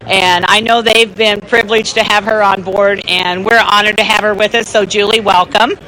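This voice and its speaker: This interview host is a woman whose mid-range voice sounds pushed and bright, with fairly even intonation at a moderate pace. She rambles warmly and encouragingly through chatty live interviews at a booth on a crowded indoor trade show floor. Crowd chatter fills the background of the poor-quality audio.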